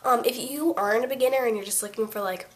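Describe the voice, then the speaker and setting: A woman's voice: on the high side, fast, noisy background. Stuffy-nosed teenage girl rambling through a tutorial. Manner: rambling, chatty, full of fillers and self-corrections. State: congested from a cold. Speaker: beauty vlogger. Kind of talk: casual makeup tutorial.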